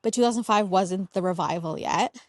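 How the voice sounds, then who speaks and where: A woman's voice: lowish voice, brisk, darkish tone, no echo. A young woman talking casually as an interview guest, sharing family memories with many "like" fillers.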